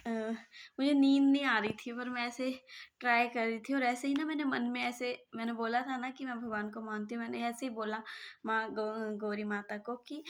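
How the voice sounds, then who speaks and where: A woman's voice: on the high side, steady tone, brisk. A young woman vlogger telling a personal story casually, chatty and rambling with many fillers and restarts.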